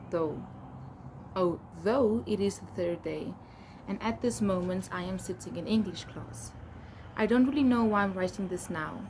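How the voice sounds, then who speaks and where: A young woman with a South African accent speaks in a slightly low register. She reads aloud and adds chatty, expressive asides like a casual vlogger. There is noticeable background noise in the recording. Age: young adult. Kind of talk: casual reading of old diary entries with asides.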